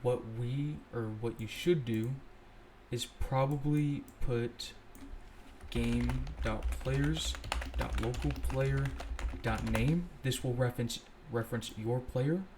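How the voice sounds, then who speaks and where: A man's voice: medium pitch, slow pace, noisy background. A young man casually walking through a coding tutorial, thinking aloud and correcting himself as he goes. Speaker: scripting tutorial host. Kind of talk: casual screen-recorded coding walkthrough.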